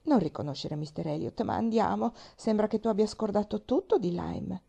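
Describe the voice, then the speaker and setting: A woman reading an audiobook who voices a fretful, excitable young wife, jumping up high in urgent, insistent exclamations. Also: normal speed, creaky, husky. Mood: excited.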